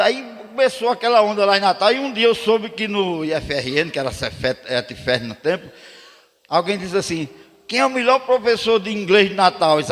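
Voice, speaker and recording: An older man from Rio Grande do Norte, a poet telling stories to a live audience and declaiming his verses. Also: sits high. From Brazil, Rio Grande do Norte. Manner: animated, declamatory when reciting verse. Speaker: poet and storyteller. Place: cultural center hall. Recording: long hall reverb.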